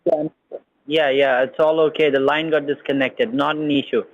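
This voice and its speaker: Man, bad cutting-out phone connection, tinny narrow phone sound, slightly high voice, instructive. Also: level tone, normal speed. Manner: instructive, repeatedly checks if the listener is there. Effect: bad phone connection that cuts out. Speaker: phone caller giving instructions. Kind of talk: phone call.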